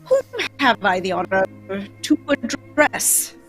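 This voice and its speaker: A woman's voice: mid-range voice, animated, fairly bright tone, faint music behind. A woman playing Sherlock Holmes as a keen, confident, courteous male detective in a theatrical radio play reading. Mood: courteous, assured. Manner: theatrical, brisk, instructive. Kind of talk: live radio play reading, old-time radio acting.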